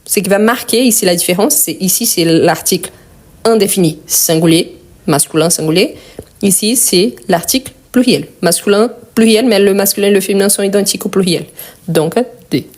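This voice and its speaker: Patient woman teaching French grammar. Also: medium pitch. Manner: patient, repeats each word slowly and asks questions. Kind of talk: live online language lesson.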